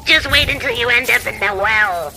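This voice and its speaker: A woman's voice: fairly high pitch, normal speed, gravelly, sharp tone, soft background music, heavily acted. Woman voicing a creepy gleeful girl. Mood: gleefully sinister. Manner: gleeful, menacing, sing-song. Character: sinister girl companion, gleefully violent.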